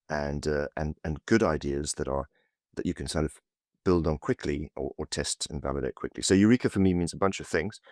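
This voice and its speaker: Very deep-voiced hesitant man. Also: dry recording, studio quality. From South Africa. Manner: hesitant, many fillers and restarts. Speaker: podcast guest, consultancy managing partner. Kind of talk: casual interview over a call.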